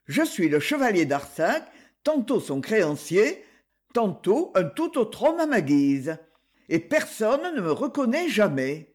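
A man reading the part of a sneering, boastful villain, a gentleman burglar in a storybook reading. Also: high-pitched, sing-song, unhurried, exaggerated voice. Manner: mocking, boastful. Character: sneering villainous male master of disguise.

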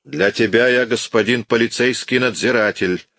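A man reading an audiobook and voicing a harsh, domineering police inspector who shouts orders with contempt. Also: mid-range voice, moderate pace, dry recording, pitched above the performer's own voice, natural voice. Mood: barking.

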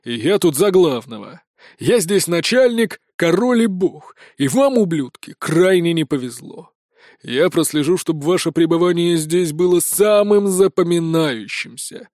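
A man voicing a gruff, burly male sheriff who barks cold, menacing orders in a high, loud voice. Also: expressive, measured pace, no echo, studio quality.

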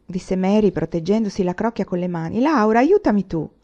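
Merry, giggly young prairie girl; woman voices her. Dark tone, dull recording. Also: mid-range voice, animated, fairly quick, close to an everyday voice. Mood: protesting. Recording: muffled lo-fi recording.

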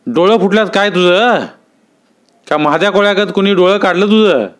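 Man doing a gruff, stern old landlord. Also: sits high, normal speed, pitched above the performer's own voice, natural voice. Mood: angry scolding. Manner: gruff, scolding. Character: stern older village landlord, quick to anger.

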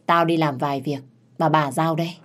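A woman's voice: deep voice, fairly even intonation, fairly quick, lightly acted. A woman voicing a bossy middle-aged head servant who barks curt orders. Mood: scolding.

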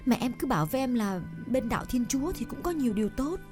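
A woman voicing a shy young village woman in love, speaking softly and hesitantly with stammers in an audiobook drama reading. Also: high-pitched, lively intonation, quick pace, faint music behind. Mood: eager.

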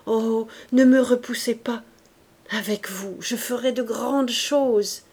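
A woman's voice: on the high side, slow pace, a little mellow, husky, voice pushed up, full character voice. A woman voicing an ardent young male shop clerk who woos with a sweet, sing-song, theatrical manner in an audiobook. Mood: pleading. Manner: eager, pleading, theatrical.

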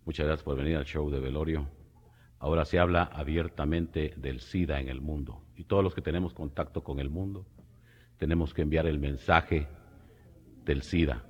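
A middle-aged Guatemalan man with a Guatemalan accent, a comedian telling jokes in a lively stand-up style. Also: extremely low pitch, normal speed, breathy edge, lo-fi sound. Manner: lively storyteller, switches into voices. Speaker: comedian and impressionist.

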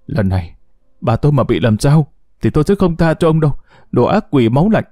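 A man's voice: mid-range voice, lively intonation, moderate pace, warm tone, no room sound, studio quality, natural voice. Brief: man as a furious young grandson in an audio story, tense and clenched. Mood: menacing. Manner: tense, through gritted teeth. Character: angry, grieving young grandson.

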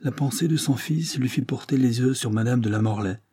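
A man reading a classic novel aloud as an audiobook, narrating in a measured, even way. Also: mid-range voice, slightly rough, no echo, clean studio sound. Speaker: audiobook reader.

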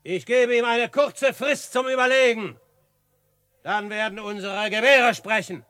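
A man's voice: sits high, a little slow, pushed and bright, clear, resonant tone, dry recording, clean studio sound. An actor playing a bold, self-assured frontiersman in a radio drama, speaking in a commanding, formal, declamatory way. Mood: proud, threatening. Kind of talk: German radio drama acting.

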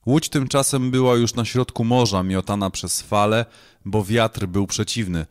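A man with a fairly low voice reads scripture aloud, pacing each verse as a formal reading. His delivery stays measured and solemn throughout.

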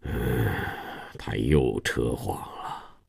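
A man playing a stern, grumbling old grandfather in a spoken story, talking low and scolding. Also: fairly even intonation, extremely slow, vocal fry, a little mellow, slightly rough, no room sound, exaggerated voice.

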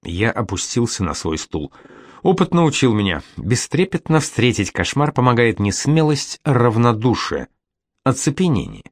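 A man reading a novel aloud in a measured, subdued first-person narration. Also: medium pitch, very animated, no room sound, studio quality. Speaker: audiobook narrator.

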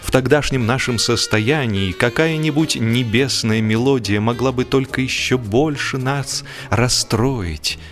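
A man with a mid-range voice narrates humorous literary fiction for a scripted audiobook. He tells the story in an expressive, mock-earnest manner.

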